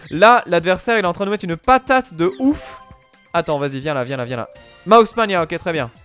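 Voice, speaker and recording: A young man streaming a video game live, commentating excitably, swearing and shouting at the game. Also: high-pitched, a little fast, soft background music. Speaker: gaming streamer.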